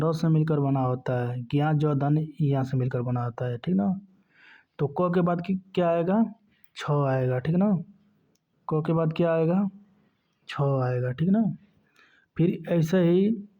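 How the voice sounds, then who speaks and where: Man teaching a lesson, lo-fi sound. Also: on the high side. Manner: keeps asking and answering his own questions, repeating "ठीक ना". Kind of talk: classroom lecture. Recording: dull lo-fi sound.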